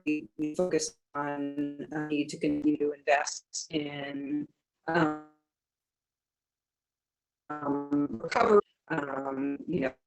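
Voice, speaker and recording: A woman's voice: low-pitched, creaky, over music, low-quality recording. Woman on a choppy, glitching call line. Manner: halting, filled with frequent ums. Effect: voice breaking up, choppy glitching video-call audio. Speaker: community coalition member reporting to a meeting. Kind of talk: online meeting update. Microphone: video call.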